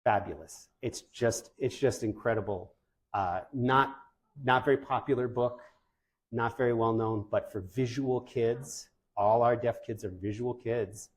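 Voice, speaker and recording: An eager male presenter talks with parents in a relaxed, conversational way, piling praise on whatever he shows them. His voice sits at a middle pitch, with loose, chatty phrasing throughout. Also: measured pace. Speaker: presenter for parents of deaf children. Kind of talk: informal presentation to families.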